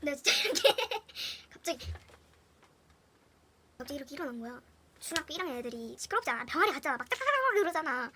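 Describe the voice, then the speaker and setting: A young woman with a Gyeongsang Korean accent telling funny school stories to her viewers in a casual, animated way, swinging between hushed whispers and loud bursts with lots of laughter. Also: high-pitched, quick pace, pauses often, slight background noise. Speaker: storyteller vlogger. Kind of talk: casual anecdote storytelling to viewers.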